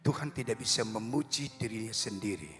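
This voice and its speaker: A man gives a sermon as a guest pastor at a church service, with live band music loud behind him. His delivery is quick and chatty, with frequent asides to the congregation. He keeps the tone light and joking. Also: fairly low pitch, lively intonation. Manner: joking and chatty, ending phrases with a tag to the congregation.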